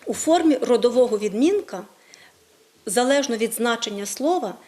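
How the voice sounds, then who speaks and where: A woman presenting a scripted language lesson on a regional TV program, clearly setting out example words one by one. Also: a little high. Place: studio.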